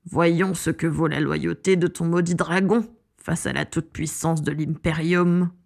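A woman's voice: deep voice, fairly even intonation, measured pace, vocal fry, a little mellow, heavily acted. A woman reading an audiobook voices a crazed male wizard villain who gloats, taunts and threatens. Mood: menacing. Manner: taunting, triumphant, menacing. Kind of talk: audiobook character voice.

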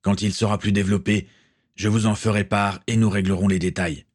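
A calm ship captain with a low, steady voice, as the narrator reads him. He speaks with quiet authority, laying things out plainly in a storybook reading. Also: fairly quick, close to an everyday voice. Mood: serious.

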